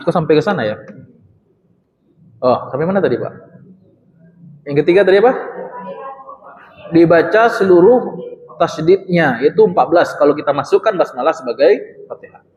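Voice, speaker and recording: In a mosque hall, a religious teacher gives a study-circle lesson on reciting the Quran, his voice on the high side with lively intonation and a darkish tone. He slowly stretches out phrases to show how they're recited and quizzes those listening. The audio is dull and echoes around the hall.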